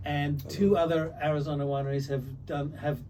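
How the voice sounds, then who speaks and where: A man's voice: fairly high pitch, level tone, a little fast. Older man rambling at a distant mic. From New Zealand. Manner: rambling, storytelling, with many restarts. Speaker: guest winemaker. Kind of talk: casual podcast chat. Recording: distant mic, noisy room.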